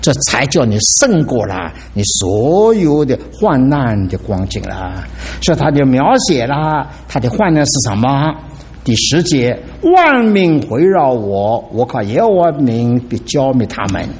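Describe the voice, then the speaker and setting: A middle-aged man preaching a sermon as pastor, with dramatic exclamations and an animated delivery. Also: mid-range voice, unhurried.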